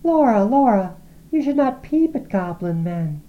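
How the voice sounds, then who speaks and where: A woman's voice: medium pitch, big pitch swings, a little slow, dull audio, voice pushed up. A woman voicing a frightened young girl with alarmed, pleading cries.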